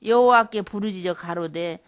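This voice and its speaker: A woman's voice: medium pitch, moderate pace, clean tone, lo-fi sound. Woman teaching a bible history class, talks casual with lots of asides to the students. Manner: conversational, with rhetorical asides. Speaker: seminary lecturer.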